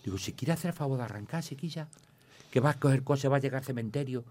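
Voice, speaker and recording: A man telling lively family anecdotes, jumping into a higher voice to play his mother. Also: quick pace. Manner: animated storytelling, acting out his mother in a high voice. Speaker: comic actor, guest. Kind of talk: casual anecdotes in an interview.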